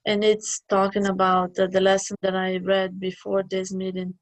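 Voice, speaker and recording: A woman sharing thoughts casually in a spiritual study group, reflective and unhurried. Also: mid-range voice, completely flat delivery, rough recording.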